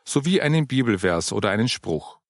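A man reading the part of a calm older churchgoing woman who patiently explains her funeral plans. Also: lowish voice, brisk, no room sound, studio quality. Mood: explaining.

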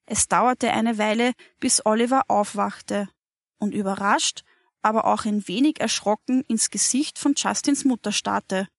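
Woman reading a story, gravelly voice. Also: mid-range voice, measured pace, no room sound, studio quality. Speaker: narrator.

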